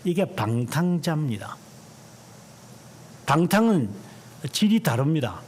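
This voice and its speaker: A man over fifty, a pastor delivering a sermon in church, emphatic and drawing out key words slowly. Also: fairly high pitch, very animated, a little mellow.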